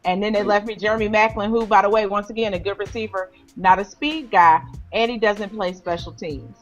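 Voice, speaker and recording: A woman co-hosting a casual sports chat podcast, sarcastic and quick to laugh. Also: mid-range voice, soft background music. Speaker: podcast co-host.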